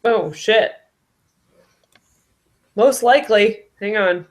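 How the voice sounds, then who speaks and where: A woman's voice: medium pitch, takes it slowly. A woman playing a tabletop game, chatty and thinking aloud as she takes her turn. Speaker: player. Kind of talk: casual tabletop game play.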